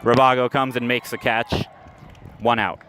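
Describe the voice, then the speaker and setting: Recorded live at an outdoor ballpark with the crowd clearly audible, a man provides radio play-by-play of a baseball game. His call is measured and steady with stats between pitches, climbing sharply when big plays happen.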